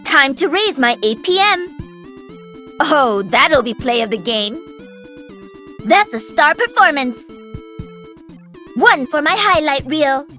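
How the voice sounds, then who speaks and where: A woman's voice: high voice, very animated, slow pace, long pauses, bright, forceful tone, faint music behind, full character voice. A woman voicing a cocky, playful young pro gamer and mech pilot, perky and taunting, for a video game.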